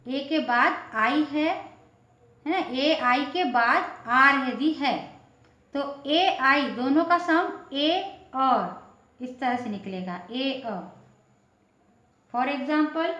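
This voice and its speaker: A woman's voice: high-pitched, lively intonation, slow, pushed and bright, reverberant, muffled recording. A woman teaching spelling and pronunciation rules, spelling words out letter by letter and answering her own questions.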